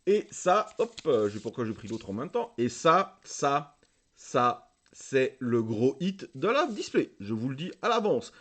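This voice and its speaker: A man's voice: medium pitch, big pitch swings, unhurried, fairly bright tone. A man hosting a casual video, opening trading card packs, gushing over the cards and reading their text aloud with lots of fillers. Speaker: channel host opening booster packs.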